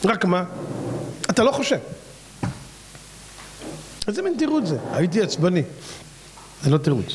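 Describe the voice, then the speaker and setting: High-voiced man preaching a fiery sermon. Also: sing-song, noisy background. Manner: fires off rhetorical questions with big pitch swings. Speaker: rabbi.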